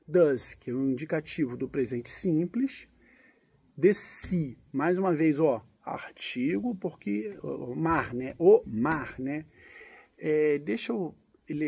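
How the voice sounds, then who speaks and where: A man from Brazil teaching English in a relaxed, patient way, with guitar and snatches of singing. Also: on the high side, vocal fry, breathy edge, dry recording. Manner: explains patiently, sings lyric lines to guitar. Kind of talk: casual English lesson.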